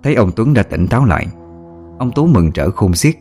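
A deep-voiced man narrates a scripted horror story with lively, swinging intonation. His delivery is dramatic and expressive throughout. Faint music plays under his voice. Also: brisk, husky.

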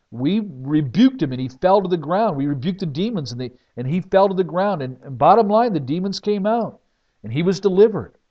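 A man preaching from the pulpit, his voice sitting a little high for a man. He tells his stories emphatically, surging loud and dropping low again. The recording is dull and lo-fi. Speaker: pastor. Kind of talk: sermon testimony.

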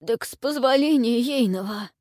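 A woman voicing a frightened, wheedling old witch with a shrill, wailing manner and folksy speech. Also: moderate pace, a little mellow, no echo, clean studio sound, natural voice. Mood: pleading.

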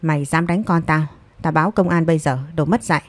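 A woman voicing a shrill, abusive older mother-in-law who scolds loudly, in a storybook reading. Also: a little fast, no room sound, lightly acted. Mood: scolding.

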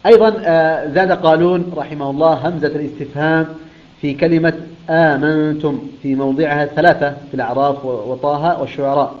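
A man's voice: on the high side, steady tone, highs cut off. Man teaching Quran recitation, chanting examples. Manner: explains rules, then chants example words slowly and melodically. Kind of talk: recitation lesson.

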